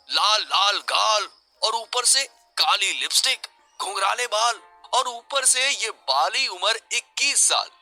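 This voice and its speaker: A man's voice: high voice, pushed and bright, voice pushed up, heavily acted. A man voicing a teasing young male friend who mocks his friend. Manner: teasing, mocking.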